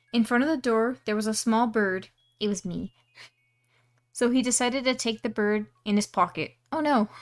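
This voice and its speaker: A woman streamer casually reading a storybook aloud, giggling and adding asides on the text. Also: fairly high pitch.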